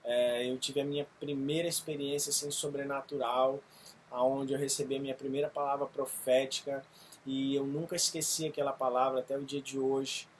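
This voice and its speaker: A missionary pastor tells his testimony earnestly, often pausing on fillers. His voice sits at an ordinary pitch for a man. A faint hiss of room noise stays under his words. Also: level tone. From Brazil. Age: 30s. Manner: earnest, halting with frequent fillers. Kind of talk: testimony video.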